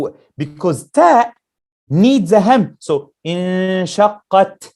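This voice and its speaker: A male Quran teacher leading a classroom lesson, slowly drilling letter sounds and asking the class questions. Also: high-pitched, a little mellow.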